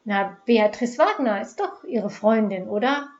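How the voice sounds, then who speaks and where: Calm, reassuring male police inspector, voiced by a female narrator, muffled recording. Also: a little high, measured pace.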